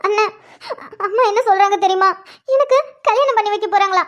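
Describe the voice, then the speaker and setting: A tearful younger sister from a cartoon. Her voice is very high-pitched, and she pleads as she talks. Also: brisk, fairly bright tone, highs cut off. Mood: upset. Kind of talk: cartoon voice acting.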